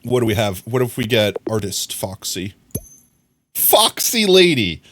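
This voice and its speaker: This streamer speaks a little slowly as he works through a crafting game live, addressing his chat, thinking aloud, and letting out sudden excited high yelps.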